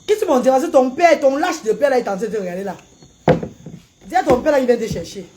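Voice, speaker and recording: A woman from Cameroon, chatting casually on a live stream and breaking into loud wailing chants. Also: sits high, expressive, quick pace, very noisy. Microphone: phone camera.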